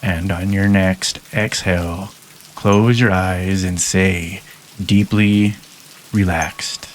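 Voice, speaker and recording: A man with a very low voice guides a hypnosis induction, speaking softly, calmly and without hurry, with long pauses between phrases. Faint rain patters behind him, and there's slight background noise.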